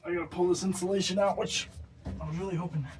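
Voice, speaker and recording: A man's voice: high voice, fairly even intonation, fast. A man casually narrating his DIY car work in a plain-spoken, offhand way, recorded on a phone in the wind. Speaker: DIY car restoration vlogger. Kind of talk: casual narration while working. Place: working on a car, windy outdoors. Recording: windy, noisy phone recording. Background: loud wind noise, clicks.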